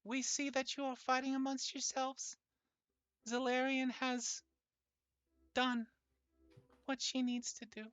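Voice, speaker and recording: A game master voicing a booming, calm, ominous summoned herald in a tabletop game. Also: no room sound. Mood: solemn. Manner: booming, measured threats.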